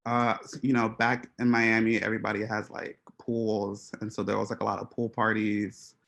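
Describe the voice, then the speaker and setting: A man from Haiti giving an artist talk about his photographs, speaking in a hesitant, reflective way with many pauses and restarts. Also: on the low side, flat delivery, gravelly, a bit bright. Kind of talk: presenting slides to an audience.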